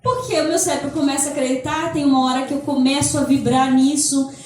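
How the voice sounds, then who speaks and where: Brief: high-pitched woman speaker, motivational talk, mic distant in an echoey hall. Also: quick pace, slight background noise. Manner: lively, acts out inner voices, laughs often. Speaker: speaker at a holistic center.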